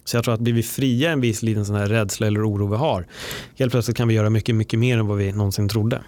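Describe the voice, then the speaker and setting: A man's voice: fairly low pitch, fairly even intonation, darkish tone. A man talking earnestly in a casual podcast chat, sprinkling in swear words and acting out bits of dialogue.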